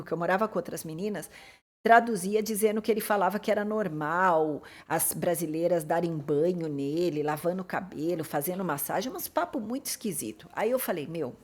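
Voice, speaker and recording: A Brazilian woman with a Brazilian Portuguese accent tells a personal story in a mid-range voice. She is a life coach, and her delivery is animated and expressive, with her pitch and loudness rising and falling as the story builds.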